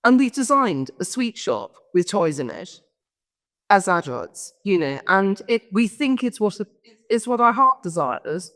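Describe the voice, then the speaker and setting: A woman's voice: medium pitch, sing-song, measured pace, fairly bright tone. A woman giving an informal conference talk as a guest speaker, rambling and often interrupting herself. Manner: rambling, self-interrupting storyteller. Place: large event hall. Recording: long hall reverb.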